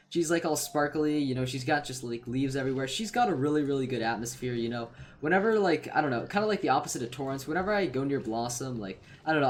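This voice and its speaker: A man's voice: mid-range voice, a little hiss or hum. Rambling, swearing young-sounding man. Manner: rambling, filler-heavy, profane and playful. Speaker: gaming YouTuber. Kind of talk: casual ranking commentary.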